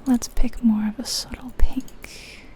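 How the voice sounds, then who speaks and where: This ASMR creator's breathy, mostly unvoiced whisper is a little high and mellow, with little pitch movement and a slow pace. Leaning near the mic, she muses indecisively over a game as she comments.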